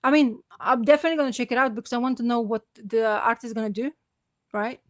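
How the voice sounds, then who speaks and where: Eager woman with a higher voice, video call. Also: no echo, clean studio sound. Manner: enthusiastic, halting, restarts phrases. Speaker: co-host. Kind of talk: casual livestream chat.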